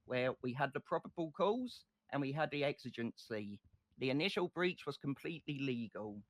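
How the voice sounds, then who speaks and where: A man playing a state prosecutor in an online courtroom role-play, making a passionate, deliberate closing argument. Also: mid-range voice, expressive, lightly acted, rough recording. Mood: firm, insistent.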